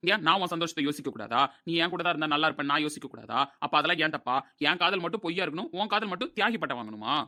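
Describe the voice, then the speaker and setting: A man playing an angry, hurt young man who shouts and scolds his lover in a Tamil audio drama. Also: a little high, animated, very fast, hardly any pauses, exaggerated voice. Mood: furious, hurt.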